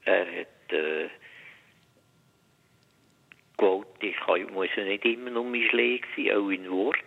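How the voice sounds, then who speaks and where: Halting older man on a muffled phone line. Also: deep voice, fairly even intonation, creaky, in a large hall. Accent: Biel-Solothurn Swiss German. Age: 60s. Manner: halting, hesitant, full of pauses. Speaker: radio caller. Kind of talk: telling his story on a call-in show.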